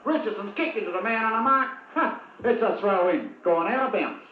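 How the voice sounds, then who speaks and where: Blunt, partisan football caller with a high voice, recorded in an echoey space. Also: male voice, lively intonation, fairly quick, a little hiss or hum. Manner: blunt, opinionated, heckles players by name. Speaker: football commentator. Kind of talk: partisan amateur match commentary. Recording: tinny lo-fi old video with echo.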